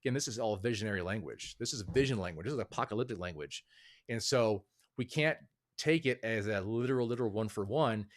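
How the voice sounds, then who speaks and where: A man appearing as an author and podcast guest talks fast in a lowish voice. He explains his views in casual interview talk, hedging thoughtfully and using many fillers.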